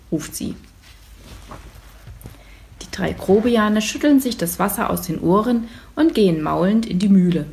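A woman addressing her listeners and reading a children's story aloud in a calm, lively way. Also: medium pitch, creaky.

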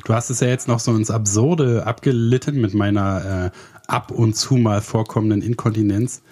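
Husky man grumbling in mock outrage. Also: fairly low pitch, fairly even intonation, normal speed, a little mellow. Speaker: podcast co-host. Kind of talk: casual comedy chat.

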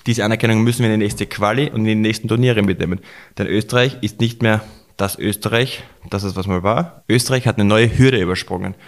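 A hoarse man, hosting a sports recap podcast and talking in a rushed, emotional way. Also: fairly low pitch, steady tone. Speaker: podcast host.

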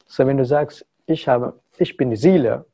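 A man's voice: medium pitch, moderate pace, dark tone, husky, dull audio. A man from India, a spiritual teacher giving a talk to followers in broken German with English phrases mixed in. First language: not German.

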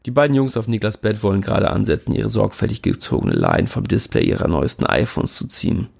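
A man's voice: on the low side, huge pitch swings, a little fast, vocal fry, a little mellow. A man reading a first-person story aloud in a dry, wry manner. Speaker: audiobook reader. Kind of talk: first-person audiobook narration.

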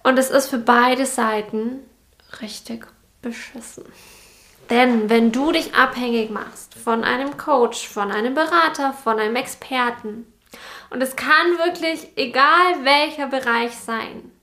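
A woman's voice: sits high, unhurried, bright, forceful tone. A woman hosting a solo podcast as a business mentor, speaking directly to the listener and repeating key phrases for emphasis.

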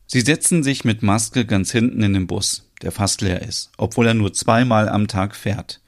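Man calmly narrating a story. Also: on the low side, normal speed.

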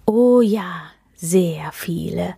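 A woman's voice: lowish voice, very slow, gravelly, mellow, husky, no room sound, clean studio sound, exaggerated voice. Jack, a woman voicing a kindly snowman spirit. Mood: amused. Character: friendly magical male snowman spirit. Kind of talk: storybook read-aloud.

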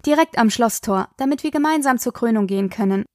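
A woman reading an audiobook, voicing a calm, dryly joking mother. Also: on the high side, fast, no echo, clean studio sound, natural voice. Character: wry, patient mother driving her daughters.

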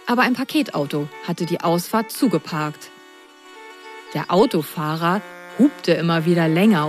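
A woman reading a children's story aloud in a gentle, expressive way. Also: on the low side. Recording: dry close voice, faint music.

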